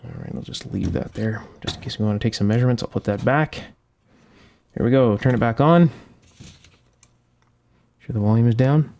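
He speaks at a moderate pace with long pauses, his mid-range voice a little mellow, against slight background noise. The host of an electronics repair channel, he methodically talks himself through a repair step by step, unscripted, at an indoor workbench.

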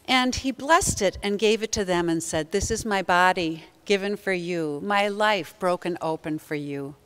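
A woman's voice: lowish voice, clean tone. Solemn woman leading communion prayers. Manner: slow, solemn, prayerful reading. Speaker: pastor. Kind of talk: communion liturgy. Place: church sanctuary at the front.

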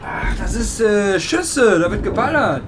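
High-pitched, animated German man gaming. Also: measured pace, noisy background. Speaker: let's play gamer. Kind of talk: casual gameplay commentary.

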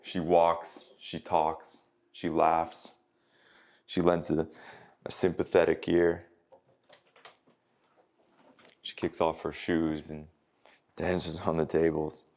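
A brooding, heartbroken man muses on love in a stage monologue, played by an actor. His voice sits extremely low and gravelly, with a flat, restrained delivery. He talks slowly and pauses often, sometimes sinking to a near whisper. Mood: bitter. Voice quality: very deep gravelly voice. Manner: slow, pausing, drops to near whispers.

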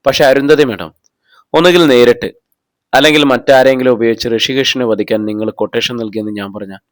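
A man's voice: mid-range voice, fast, no room sound, natural voice. Man voicing a pushy cop asking pointed questions, dry close mic. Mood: accusing. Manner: probing, pressing questions. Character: shrewd, persistent male police officer.

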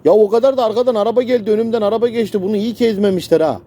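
A man talking tenderly to a rescued stray kitten at night, coaxing it in soft baby talk, recorded on a phone outdoors with loud music playing over him. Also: high-pitched, rapid-fire. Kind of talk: casual affectionate talk to an animal.

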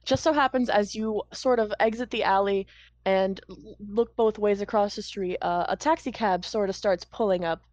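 A woman's voice: medium pitch, moderate pace, no room sound. Casual woman narrating a tabletop game. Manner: relaxed, casual narration with many fillers. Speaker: game master.

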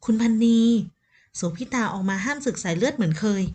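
A woman narrating a romance audiobook in an even storytelling manner. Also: medium pitch, fast, slightly rough. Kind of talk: scripted narration.

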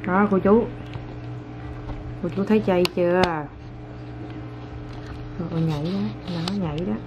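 A woman's voice: on the low side, unhurried. A mother chatting at home with her toddler and her viewers, coaxing and playful, often laughing. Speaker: mother and vlogger. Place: home, indoors. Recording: dull lo-fi home video with faint noise.

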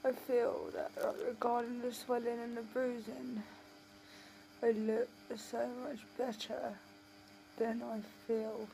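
A woman's voice: fairly high pitch, level tone, takes it slowly, gravelly, warm tone, a little hiss or hum, poor audio. A tired woman talking with a sore, swollen jaw after surgery, in a casual late-night video diary. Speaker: vlogger.

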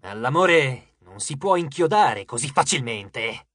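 A man voicing an invisible male god of love who mocks and torments, speaking slowly and drawing out his words. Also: medium pitch, expressive, fairly bright tone, husky, no room sound, clean studio sound, voice pushed down. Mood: taunting. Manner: slow, drawn-out, taunting delivery.

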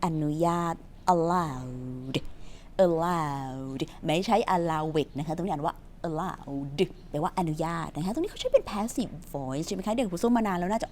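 A woman's voice: on the low side, darkish tone, slight background noise. A woman teaching English from a news story in a chatty, playful way, quizzing her viewers and answering herself, and reading English.

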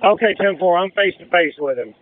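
A man's voice: sits high, animated, a little fast, dry recording. A man commanding a fire scene in terse, urgent firefighter radio traffic. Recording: muffled band-limited fireground radio.

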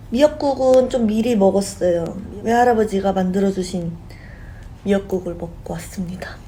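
Giggly young woman with a mellow voice. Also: mid-range voice, normal speed, slight background noise, low-quality recording. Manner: chatty and giggly, laughing often. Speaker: live-stream host. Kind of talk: casual live-stream chat with fans.

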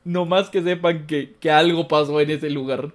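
A young man with a Mexican Spanish accent, telling funny stories and commenting on gameplay with loud, animated outbursts. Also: fairly high pitch, normal speed. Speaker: gaming streamer. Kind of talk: comedic storytelling and gameplay commentary.

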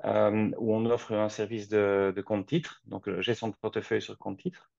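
A man from Belgium in his forties, speaking in a measured way with frequent restarts, interviewed over a video call from his office. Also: fairly low pitch, level tone, creaky, darkish tone, no echo. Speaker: guest, company co-founder. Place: office, seated at a desk. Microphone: webcam on a video call. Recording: dull lo-fi video call audio.

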